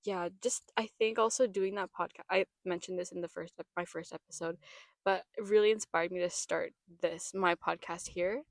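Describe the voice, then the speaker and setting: Young woman rambling on her podcast, creaky voice, dry close mic. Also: on the low side, fairly even intonation, moderate pace, no echo. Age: young adult. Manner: chatty, rambling with restarts and trailing thoughts. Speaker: podcast host. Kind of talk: casual chat.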